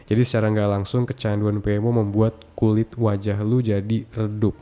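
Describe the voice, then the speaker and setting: A man talks to camera in a relaxed, slangy advice monologue, addressing the viewer directly. His voice sits fairly low and has a dark, mellow tone. He stacks his points in quick, short phrases. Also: soft background music. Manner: speaks straight to the viewer in slangy, casual address; lists points one after another in short phrases. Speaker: self-improvement content creator. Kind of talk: casual talking-head advice monologue.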